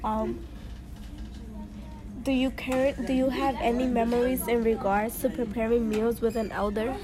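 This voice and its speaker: A woman's voice: on the high side, little pitch movement, measured pace. A woman interviewing someone, chatty and curious, asking follow-up questions. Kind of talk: casual interview. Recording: noisy crowd behind. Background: crowd chatter.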